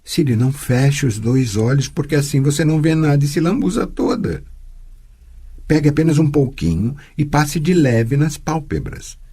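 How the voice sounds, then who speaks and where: A man voicing a patient, teasing sorceress who tutors a girl, speaking calmly and gently chiding in an audiobook. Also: fairly high pitch, moderate pace, breathy edge, voice pushed up. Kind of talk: audiobook character voice.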